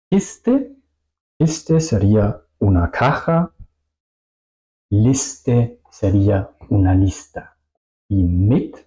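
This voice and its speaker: Slow, low-voiced German man teaching. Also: mellow, low-quality recording. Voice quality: non-native Spanish with small slips. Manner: slow, repeats example words carefully, checks with "ok?". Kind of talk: language lesson explanation.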